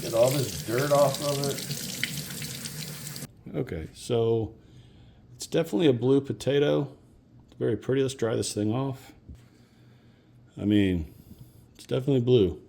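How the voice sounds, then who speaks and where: A man's voice: medium pitch, a little slow, vocal fry, long pauses, warm tone. A man hosting a casual backyard gardening vlog, chatty and practical, talking straight to his viewers. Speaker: home gardening channel host. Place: outdoors in a backyard garden, then indoors.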